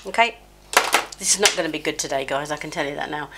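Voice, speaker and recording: Fast and low-pitched, this middle-aged beauty vlogger comes through very noisy audio, slightly chesty with a cold. Doing her makeup at home, she rambles in a chatty, scattered, self-mocking get-ready-with-me chat with many fillers. Her small clipped-on mic occasionally gets covered.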